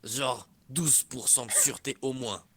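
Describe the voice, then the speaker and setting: Bright-voiced man reading mock-pedantically. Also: medium pitch, measured pace, slight background noise. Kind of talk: comic fan-fiction reading on stream.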